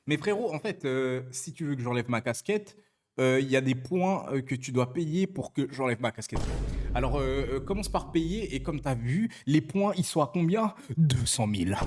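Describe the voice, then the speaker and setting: A man's voice: mid-range voice, darkish tone. A young man, a streamer chatting casually with his viewers, joking and answering chat messages with many fillers and restarts. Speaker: Twitch streamer.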